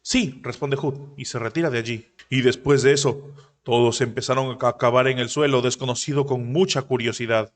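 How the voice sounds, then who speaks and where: A man narrating a manhwa story recap, briefly raising his pitch to voice the characters he quotes. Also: fairly even intonation, moderate pace, in a large hall.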